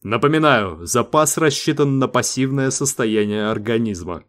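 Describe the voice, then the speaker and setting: A man's voice: medium pitch, lively intonation, moderate pace, fairly bright tone, lightly acted. A man voicing a bitter, indifferent male crew member who talks in a dry, sarcastic way. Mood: sardonic.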